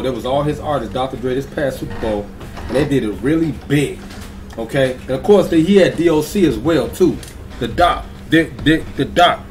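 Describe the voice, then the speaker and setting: A young man hosting his reaction channel in an excitable, slangy way, stretching out hype words and throwing in singsong ad-libs. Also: mid-range voice, a little hiss or hum. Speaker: YouTube reaction channel host. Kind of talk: hyped casual vlog intro.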